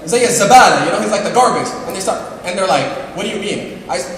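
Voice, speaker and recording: A man's voice: high voice, lively intonation, fast, a bit bright. A young man who grew up in Saudi Arabia, telling funny stories to a live audience at an open mic, chatty, often laughing and asking the crowd questions. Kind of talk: comic storytelling to a live audience. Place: large hall. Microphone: distant room mic. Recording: echoey hall recording from far off.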